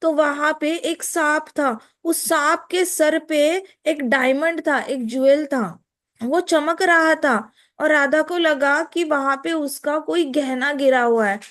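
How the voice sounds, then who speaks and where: Woman acting out a tearful young friend, breathless, halting, slow. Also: sits high, fairly bright tone. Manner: halting, slow, sobbing speech.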